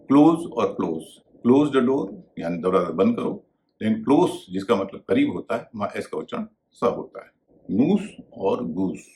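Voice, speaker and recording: Low-voiced male English teacher. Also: darkish tone. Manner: explanatory, spells out letters and contrasts word pairs. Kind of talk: pronunciation lesson.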